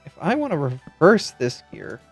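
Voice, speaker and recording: A man's voice: fairly high pitch, wildly swooping pitch, normal speed, gravelly, husky, soft background music. A man chatting casually while streaming a game, swearing freely and restarting his sentences. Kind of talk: casual gameplay chat.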